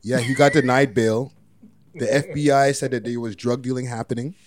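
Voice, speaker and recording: A man's voice: mid-range voice, fairly even intonation, normal speed. A man hosting a podcast in casual, slangy talk, often repeating his phrases. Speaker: podcast host.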